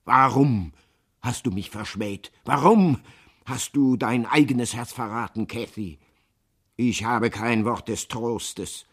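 A man's voice: mid-range voice, slow, husky. A man reading aloud and voicing an anguished, bitter man who accuses and pleads by turns. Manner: impassioned, swinging between hushed and loud.

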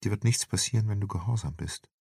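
A man voicing a calm, cold male intruder in an audiobook thriller, speaking in a muffled voice with soft, coaxing commands. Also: lowish voice, fast, creaky, husky, dry recording, clean studio sound. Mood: coaxing menace.

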